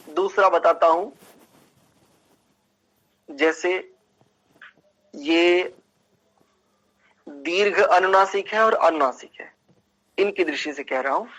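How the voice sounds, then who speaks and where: A man teaching Sanskrit pronunciation in an online class, slowly drawing out syllables and chanting verses. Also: on the high side, pushed and bright, rough recording. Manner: slow, deliberate, drawn-out chanting of syllables. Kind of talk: online class lecture with mantra recitation.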